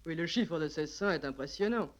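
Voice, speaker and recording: A male radio interviewer with a fairly high voice puts long, probing questions in formal language. It sounds like a worn tape of a 1950s broadcast. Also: animated, a little fast.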